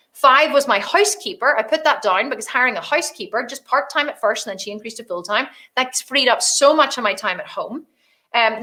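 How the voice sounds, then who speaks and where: A middle-aged woman business coach in a casual motivational talk, energetic, swearing freely and acting out conversations. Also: on the high side.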